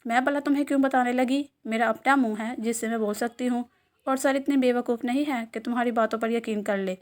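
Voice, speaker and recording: A woman reading a novel aloud and voicing a sharp-tongued young woman who mocks a man. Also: a little high, steady tone, a little fast, natural voice. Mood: sassy. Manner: sassy, mocking.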